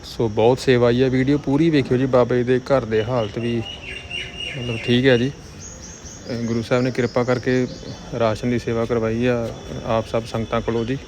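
A man's voice: mid-range voice, little pitch movement, normal speed, darkish tone, a little hiss or hum. A man, a charity volunteer, reassuring a family in casual devout chat and repeating comforting blessings.

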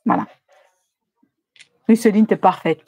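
A woman's voice: mid-range voice, unhurried, creaky, husky, narrow, tinny audio. A woman hosting a live stream, chatting casually and greeting viewers as she reads the chat.

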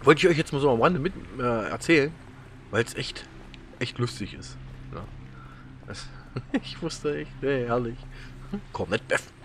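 A man's voice: medium pitch, lively intonation, measured pace, long pauses, a bit bright, a little hiss or hum. Man, German accent, casual gameplay chatter, filler-heavy, faint ambience behind. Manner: rambling, chatty storytelling with many fillers and laughs. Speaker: gaming YouTuber. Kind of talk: casual let's-play commentary.

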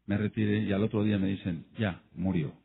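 A man preaching a sermon, emphatic and addressing his listeners directly, breaking into loud bursts of emphasis. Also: fairly low pitch, level tone, fast, gravelly, breathy edge. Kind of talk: sermon with acted quotes. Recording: tinny phone-like lo-fi audio.

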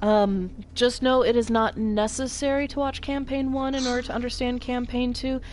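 A woman's voice: fairly high pitch, steady tone, moderate pace, a little mellow, slight background noise. A woman streaming a video game, chatting in an easygoing, playful way on a headset mic. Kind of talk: casual gaming stream chat. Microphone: headset microphone.

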